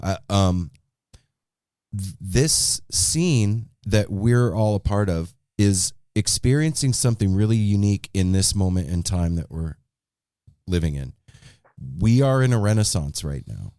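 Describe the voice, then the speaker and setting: A man's voice: on the low side, expressive, unhurried, dark tone, smooth, no echo, studio quality. A man hosting a podcast, talking earnestly and emphatically, repeating words as he builds toward his point. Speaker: podcast host. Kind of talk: casual podcast conversation.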